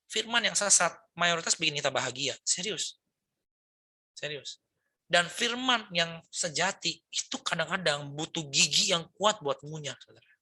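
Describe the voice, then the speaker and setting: Male pastor, middle-aged, very bright tone, preaches like friendly chat, keeps checking in with listeners. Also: fairly high pitch. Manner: chatty, peppers speech with tag questions and English words. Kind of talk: conversational sermon.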